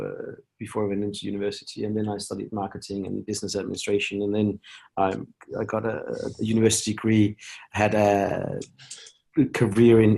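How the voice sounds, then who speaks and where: A man's voice: fairly low pitch, gravelly, a little mellow. A middle-aged man from Denmark, a company founder speaking as an interview guest, talking casually with frequent restarts and fillers. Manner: halting, many restarts and fillers.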